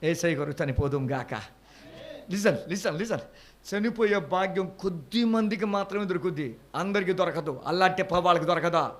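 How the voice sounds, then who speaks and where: Animated older male preacher, high voice. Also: brisk. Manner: swings from quiet storytelling to loud, high preaching; mixes in English words. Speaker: pastor. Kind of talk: sermon.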